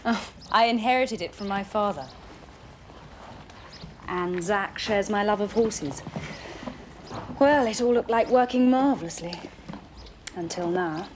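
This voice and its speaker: An actress playing a composed, monied woman in a TV drama, measured and formal. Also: medium pitch, lightly acted. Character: composed, genteel, monied woman hiring help. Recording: clear background noise.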